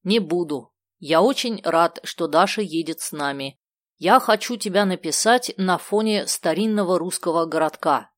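A woman with a low-ish voice, lightly acting at normal speed, plays a cheerful foreign-born adult man with a slight Italian accent. The character is playful and joking, fond of jokey sayings. There is no room sound.

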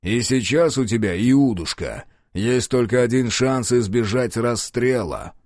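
A gruff middle-aged police chief barks and sneers with sharp scorn, as a male audiobook reader puts him on. His pitch swings widely, and the dry recording carries no room sound. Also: sing-song, measured pace, no echo. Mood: stern. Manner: gruff, scathing, shouting in anger.

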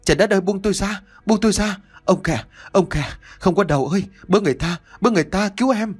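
A hysterical young man screams in a very high, rushed voice that sometimes sounds far from the mic, as a male narrator puts him on. His words tumble out breathless and fast. Faint music plays underneath. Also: husky.

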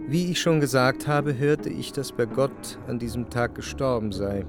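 Over music, a medium-pitched man serves as the first-person narrator of a literary radio drama, speaking at a moderate pace. He sounds reflective and earnest, miked close in a dry studio.

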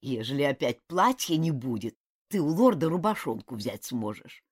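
A woman's voice: a bass voice, lively intonation, normal speed, husky, no echo, clean studio sound, voice pushed down, exaggerated voice. Woman playing a crafty, grumbling old house spirit. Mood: grumbling, folksy. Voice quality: rustic village speech, grumbling. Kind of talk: audiobook character voice.

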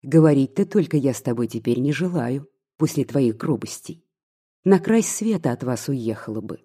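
A reader voicing a spiteful, gossiping old maid who mocks and pries, with a husky, mellow voice. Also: medium pitch, expressive, moderate pace. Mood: mocking. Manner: mocking, scolding, prying.

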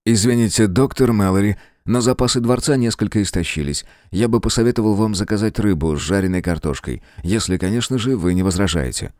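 A man's voice: fairly low pitch, fairly quick, hardly any pauses, a little mellow, no echo, clean studio sound, close to an everyday voice. A man voicing a harried, apologetic waiter who speaks politely in an audiobook.

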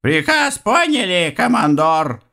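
A man doing squeaky bickering bearded spirits. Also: sing-song, takes it slowly, creaky, bright, forceful tone, heavily acted. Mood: cheerful. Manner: eager, childish, squabbling. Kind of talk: audiobook reading.

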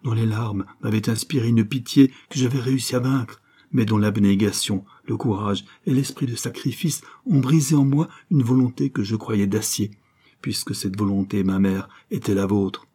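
A man's voice: on the low side, moderate pace, dark tone, slightly rough. A man reading a solemn anguished avenger. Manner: earnest, solemn, pleading. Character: anguished young avenger son, torn by conscience. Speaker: audiobook reader. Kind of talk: dramatic audiobook reading.

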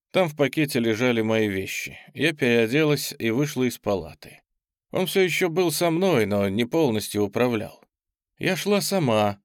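Guy narrating a book, steady and measured, mid pitch, dead dry sound. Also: no echo. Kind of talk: audiobook narration.

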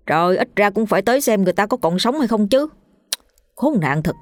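A woman's voice: mid-range voice, animated, a little fast, pitched above the performer's own voice, close to an everyday voice. A woman voicing a blunt young male coworker who scolds and worries over his friend. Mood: blunt worry.

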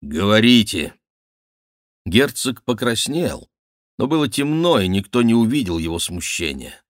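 A man narrating a classic novel as an audiobook, in a measured, even storytelling manner. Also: medium pitch, dry recording, studio quality. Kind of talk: scripted narration.

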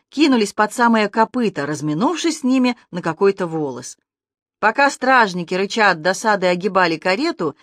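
Audiobook narration, fantasy adventure, expressive reading, medium pitch, dry close recording. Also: no echo. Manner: lively expressive reading that shifts pitch and loudness for action.

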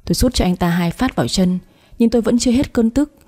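A woman reads a first-person story aloud in a steady storytelling manner. Her voice is warm and mellow with a soft husky grain. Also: on the high side, quick pace. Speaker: narrator.

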